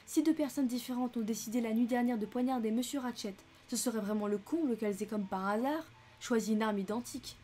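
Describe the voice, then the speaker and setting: A woman voicing a calm, thoughtful male detective who speaks in a measured, deliberate way, in an audiobook reading. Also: fairly high pitch, a little hiss or hum, close to an everyday voice.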